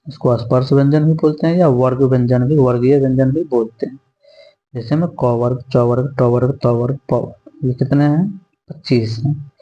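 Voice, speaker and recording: A man's voice: mid-range voice, dark tone. A man teaching a grammar lesson, patiently repeating each point and putting questions to his students. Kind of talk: classroom lesson explaining grammar. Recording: dull lo-fi sound.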